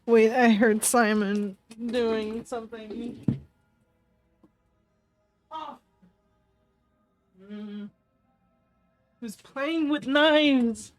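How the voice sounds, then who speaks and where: A woman streamer giving chatty let's-play commentary, giggling and reacting out loud. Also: a little high, fairly even intonation, extremely slow, long pauses. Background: faint lofi music.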